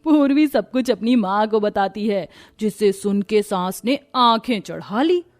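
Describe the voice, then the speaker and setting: A woman narrating a cartoon family story in a measured, gently dramatic storytelling voice. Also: medium pitch, expressive.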